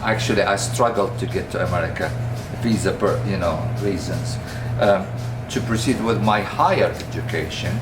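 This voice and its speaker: A man in his sixties, from Palestine and raised in Kuwait, telling his life story as a shop owner in a measured, earnest way with many pauses and hesitations. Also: sits low. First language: Arabic. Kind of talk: documentary interview, life story. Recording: roomy shop, mic at a distance, music behind.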